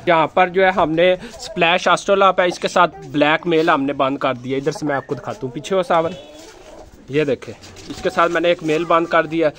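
A man on a rooftop with chicken coops films his chickens with a handheld phone, first-person, while gently coaching children who are feeding the birds. His voice is a bit high, steady, and brisk, and he narrates casually, often coaxing the kids in an instructive way.

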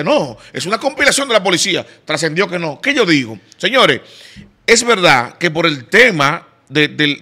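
A Dominican man argues his point on a panel show in a high, bright voice. He presses hard, repeats his phrases and cuts in on others. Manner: emphatic, repeats himself, interrupts. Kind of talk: heated panel debate.

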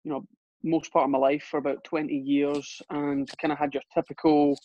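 A young Scottish soccer coach chats casually as an interview guest, relaxed and full of fillers and restarts. His voice is a little high and moves at a normal speed, and the recording sounds dull and lo-fi.

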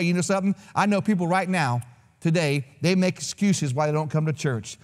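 Pastor, man, 50s, high-pitched, folksy sermon delivery, long church reverb. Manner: folksy, conversational preaching with frequent "amen?". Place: church sanctuary.

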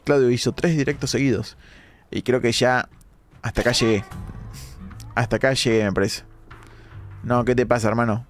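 Hombre ronco comentando partida. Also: male voice, mid-range voice, normal speed, pauses often, soft background music. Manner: animated, dramatic outbursts at the game. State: hoarse, sore throat. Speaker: gaming streamer. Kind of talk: live-stream gameplay commentary.

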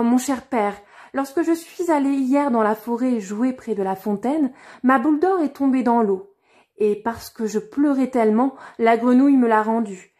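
A woman's voice: fairly high pitch, dark tone, close to an everyday voice. A woman voicing a spoiled, haughty young princess in a fairy-tale reading, lifting her voice for emphasis. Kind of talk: storybook reading.

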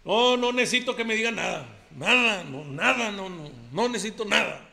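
A man's voice: sits high, expressive, moderate pace, vocal fry, sharp tone, long reverb tail, exaggerated voice. A Mexican man playing a boastful, henpecked macho ranchero who rambles through defensive denials. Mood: blustering. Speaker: comedian.

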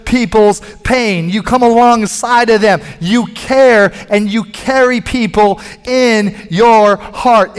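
On a large indoor church stage, a middle-aged pastor preaches through a headset mic in a very high, smooth voice. His emphatic, repetitive phrasing builds in force, and a long hall reverb trails behind him.

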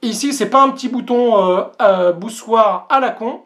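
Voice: mid-range voice, moderate pace, a bit bright, faint music behind. A casual unboxing host speaks straight to the viewer from a room at home, explaining each part of a device. The talk is loose and chatty, full of hesitant fillers and small restarts. The host mocks their own English accent in passing. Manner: self-mocking about own English accent. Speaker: host reviewing a product.

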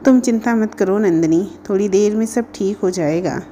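A woman's voice: medium pitch, normal speed, dark tone, slight background noise, close to an everyday voice. A woman reading as Harshit, a kind young boy. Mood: reassuring.

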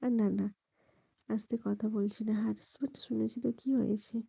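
A woman from West Bengal hosts a late-night live stream from home, keeping her voice soft and hushed, close to a whisper. Her tone is very dark and gravelly, with a husky edge. She sounds dry and close on the phone mic with no room around her. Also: medium pitch, fairly even intonation, fairly quick, no room sound, rough recording. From West Bengal, India. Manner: greets viewers by name and repeats the same subscribe request. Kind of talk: late-night live-stream chat reading out viewer comments.

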